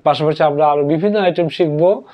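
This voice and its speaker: A man teaching an English vocabulary lesson, spelling words out letter by letter and repeating them slowly. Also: a little high, dark tone. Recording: dull lo-fi audio.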